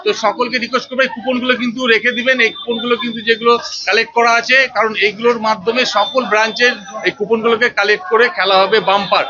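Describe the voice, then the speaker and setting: A man's voice: extremely high pitch, little pitch movement, racing, bright, forceful tone. A man making an unscripted, insistent announcement as a store representative, in slightly dull location sound.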